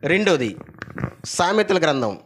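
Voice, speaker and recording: High-voiced, animated male pastor preaching. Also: unhurried, slight background noise. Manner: animated preaching, prompts the congregation to repeat verses aloud; swings between loud emphatic lines and low asides. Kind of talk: sermon.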